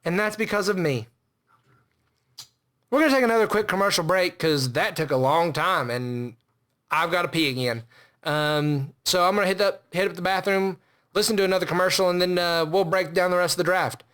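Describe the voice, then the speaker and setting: A man's voice: sits high, a little fast, a bit bright. A man hosting a comedy podcast, rambling and boastful about himself. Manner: boastful, rambling and self-important. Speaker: podcast host. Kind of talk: comedic character monologue.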